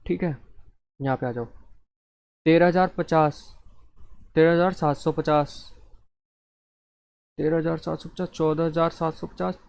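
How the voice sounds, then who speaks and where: A man's voice: fairly high pitch, fairly even intonation, unhurried, vocal fry, long pauses, darkish tone. A man teaching an accounting lesson, reading sums aloud and asking and answering his own questions. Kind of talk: screen-recorded lesson.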